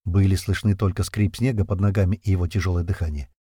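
A man narrating an audiobook in a steady, tense, vivid storytelling manner. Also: sits low, fast, husky, no room sound, clean studio sound.

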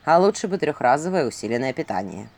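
A woman's voice: low-pitched, very animated, moderate pace, darkish tone. A woman voicing a grumpy, jealous male owl sidekick with a grumbling, sardonic manner.

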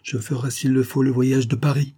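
A man's voice: mid-range voice, level tone, fairly quick, warm tone, slightly rough, voice pushed up, close to an everyday voice. A man voicing a shrewd, good-natured old country farmer who talks in a knowing, folksy, insistent way.

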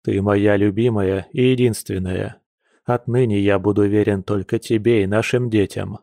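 A man voicing a tender, persuasive werewolf man in an audiobook, talking slowly and softly. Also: fairly low pitch, steady tone, creaky, no echo, studio quality. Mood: earnest. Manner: slow, soft, coaxing.

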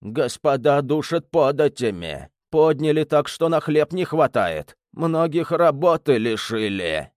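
A man voicing a poor old townsman who speaks slowly in a trembling, pleading voice. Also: a little high, very animated, no room sound, studio quality. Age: older.

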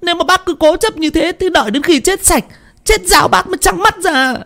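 A man voicing a middle-aged village woman who scolds her brother-in-law sharply and fast. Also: animated, vocal fry, pushed and bright, full character voice. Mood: scolding. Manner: shrill, scolding, rapid.

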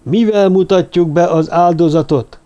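A man's voice: high voice, warm tone, muffled recording, pitched above the performer's own voice, natural voice. A man reading an audiobook, voicing a fanatical male druid mage who leads a bloody rite with screeching, commanding calls. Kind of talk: audiobook character voice.

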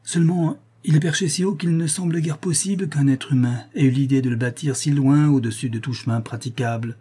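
A loyal young manservant, excitable and fretful, his voice jumping higher than the narration, as a male narrator puts him on. The voice has a husky, warm tone. Storybook reading. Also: fairly quick. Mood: alarmed.

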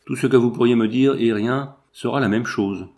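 A man's voice: mid-range voice, normal speed, a little mellow, lightly acted. A man reading the lines of a proud, vindictive woman of sixty in a novel, indignant and cold.

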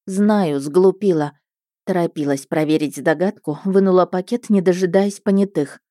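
Low-voiced woman narrating an audiobook. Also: normal speed, dark tone, no room sound, studio quality. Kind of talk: first-person audiobook narration.

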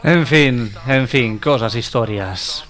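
A man's voice: medium pitch, takes it slowly, a bit bright. A man with a Spanish accent, hosting a radio comedy show and reading a listener's long joke while acting out the characters' lines. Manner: casual joke-telling that acts out the characters' lines.

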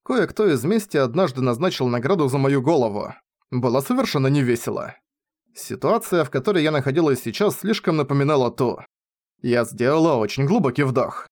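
A man narrating a novel in the first person with an expressive, lively reading. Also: medium pitch, fairly quick. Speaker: audiobook reader.

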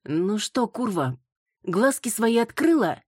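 A woman voicing an imperious middle-aged mother who berates her son, in a shrill, raised voice. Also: sing-song, takes it slowly, breathy edge, no room sound, studio quality, heavily acted. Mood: scolding.

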